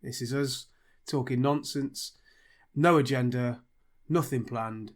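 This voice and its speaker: A man's voice: medium pitch, fairly even intonation, slow. Rambling, self-deprecating man. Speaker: podcast co-host. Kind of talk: casual chat.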